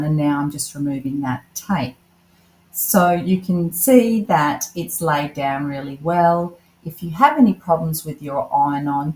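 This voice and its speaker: A woman's voice: sits low, slight background noise, rough recording. A middle-aged woman chatting through her craft project in a casual voice-over, self-deprecating and friendly with her viewers. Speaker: craft vlogger.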